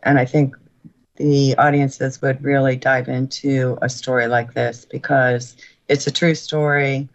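An older woman speaking as a guest in a radio interview, earnest and grateful, with halting restarts, her voice sounding as if taped off the radio. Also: very deep voice, little pitch movement, highs cut off. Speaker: guest author.

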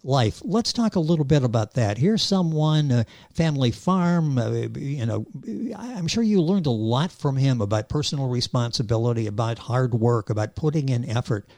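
A man's voice: mid-range voice, lively intonation, normal speed, a little mellow, no room sound. A man hosting a radio interview in a conversational style on a close studio mic.

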